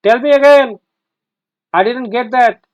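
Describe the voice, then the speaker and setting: Slow-spoken male teacher. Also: very high-pitched, muffled recording. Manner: firm, repeats prompts, mixes English and Bengali. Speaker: English teacher. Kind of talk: online class quizzing children. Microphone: video call.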